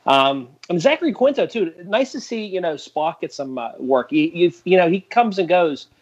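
A man's voice: high voice, expressive, normal speed, husky. A man chatting casually as a podcast co-host, very informal in his wording. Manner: informal, peppered with 'like' and 'you know'. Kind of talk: casual chat. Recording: dull, slightly lo-fi microphone sound.

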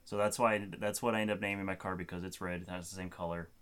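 A man's voice: sits low, fairly even intonation, fast talker, fairly bright tone, smooth. A man in his twenties co-hosting a casual podcast with friends, rambling, restarting sentences and laughing often. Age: 20s. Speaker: podcast co-host. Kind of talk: casual chat among friends.

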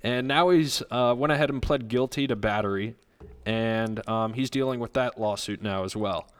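A man hosts a casual podcast and tells gossip in a loose, easygoing way. His voice is smooth and clear at a mid pitch. He swears freely as he goes. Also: moderate pace. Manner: laid-back gossipy storytelling with cursing. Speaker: podcast host.

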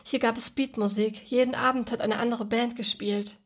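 A woman reading the lines of an old man with a cane, soft and dark-voiced, politely pleading. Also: on the high side, fairly even intonation, moderate pace, lightly acted. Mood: gentle, polite.

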